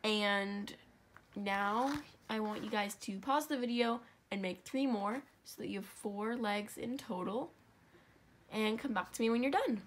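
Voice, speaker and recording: With a congested nose and a mid-range voice, a young woman leads a step-by-step crafting tutorial. Her delivery is talkative and meandering, dotted with side comments and swift self-corrections, carrying a homey, easygoing feel. A slight hiss or hum sits in the recording.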